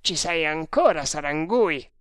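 A woman's voice: sits low, lively intonation, unhurried, no echo, studio quality. A woman reading an adventure audiobook, voicing a male guard who mocks his prisoner smugly. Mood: mocking. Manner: mocking, smug. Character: mocking male sepoy guard, gloating.

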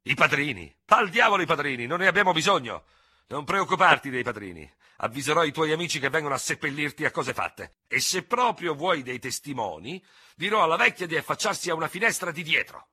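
A man reading aloud voicing a hot-headed young hussar officer, shouting and taunting his rival in fury. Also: on the high side, animated, a little fast, breathy edge, pitched above the performer's own voice, heavily acted. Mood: raging, taunting. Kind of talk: dramatic audiobook reading.

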